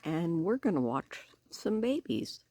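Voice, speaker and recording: A woman chatting casually in a vlog, with a slight lisp and careful, halting speech as she talks around newly fitted false teeth. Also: lowish voice, sing-song, mellow. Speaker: vlogger giving a personal update.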